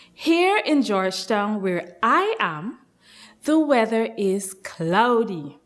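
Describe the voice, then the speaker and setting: Female kids show host and nursery teacher, very animated delivery, unhurried, encouraging, leaves room for answers. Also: fairly high pitch. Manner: slow, encouraging, sing-song questions with pauses. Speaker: nursery teacher hosting a children's lesson. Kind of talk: kids show host addressing young children.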